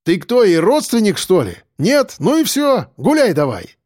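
A man's voice: sits high, huge pitch swings, unhurried, darkish tone, no echo, clean studio sound, voice pushed up, exaggerated voice. A man voicing a lazy, dismissive male police desk officer. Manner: dismissive, grumbling.

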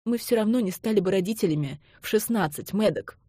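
A woman reading the lines of a young woman who speaks softly and then cries out in desperation, in an audiobook. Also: mid-range voice, brisk, breathy edge, no room sound, studio quality, natural voice. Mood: quiet. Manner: soft voice breaking into pleading cries.

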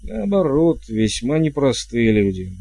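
A man's voice: medium pitch, sing-song, a little slow, creaky, dark tone, husky, full character voice. A man voicing a blunt, wary old witch. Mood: evasive. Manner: curt, evasive replies.

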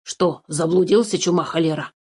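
A woman voicing a greedy, fussy old male dwarf in a storybook reading, excitable and quick to curse. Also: on the low side, slightly rough. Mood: excited grumbling. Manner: fussy, excitable, keeps cursing.

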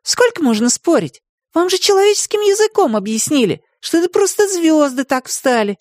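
A kind, bossy young girl, voiced by a male narrator, chides her friends and soothes a crying cub. The voice is high and bounces in pitch, recorded dry and close. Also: very animated, moderate pace, dry recording. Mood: chiding. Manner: soothing and chiding.

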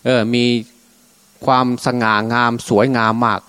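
Male Buddhist monk, medium pitch, informal Dhamma storyteller who slips into dialogue in his own voice. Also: level tone, unhurried, fairly bright tone, clean tone. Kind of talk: storytelling sermon, unscripted.

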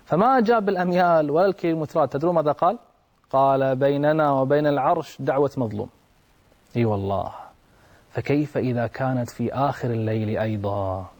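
A man's voice: mid-range voice, a little mellow. Man preaching a dramatic sermon. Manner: dramatic, rising and falling delivery, slows on quoted prayers and verse. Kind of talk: religious sermon.

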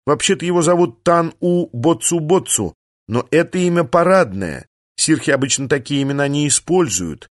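A man reading an audiobook, voicing a lively young woman biologist who is bold and mischievous, eager and teasing. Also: a little high, moderate pace, dry recording, clean studio sound, close to an everyday voice.

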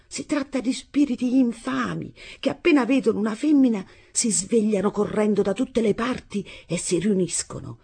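A woman's voice: mid-range voice, normal speed, vocal fry, few pauses, warm tone, breathy edge, voice pushed up. A woman reading an audiobook voices a superstitious, scolding middle-aged mother with a dramatic, lamenting delivery. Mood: conspiratorial.

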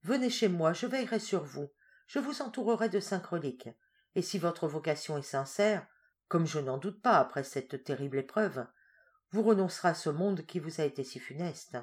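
A woman's voice: sits low, animated, moderate pace, darkish tone. Woman doing a thundering old village priest. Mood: gentle. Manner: urgent, commanding exclamations.

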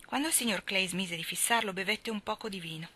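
A woman reading a literary story aloud in a calm, measured, expressive way. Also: mid-range voice. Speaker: reader.

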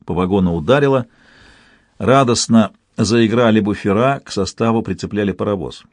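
A man reading a literary story aloud in an expressive way, changing his voice for the figures. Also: lowish voice, moderate pace, dry recording, clean studio sound. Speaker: narrator, reader.

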